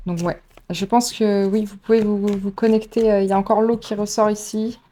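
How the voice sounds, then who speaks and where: A woman tarot reader speaking directly to her viewers in a relaxed, chatty way, full of fillers and self-mocking asides. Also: medium pitch, normal speed. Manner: chatty, laughs at herself, many fillers. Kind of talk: casual tarot reading to camera.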